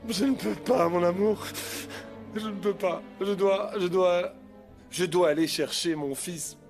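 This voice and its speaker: A man's voice: high-pitched, steady tone, a little slow, faint music behind. A man dubbing a desperate policeman father in a telenovela, anguished and pleading. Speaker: policeman father of a missing son. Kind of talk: dubbed telenovela acting.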